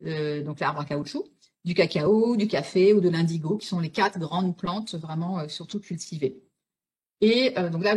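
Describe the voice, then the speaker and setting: A woman giving an online illustrated history talk, explaining step by step with frequent fillers and self-corrections. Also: fairly low pitch. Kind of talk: spontaneous illustrated lecture.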